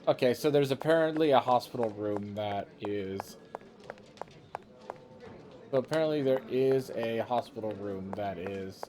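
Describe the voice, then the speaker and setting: A man's voice: medium pitch, a little slow, long pauses, dark tone, slight background noise. A man streaming a video game live, reading the dialogue aloud and joking about it. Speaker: let's-play streamer.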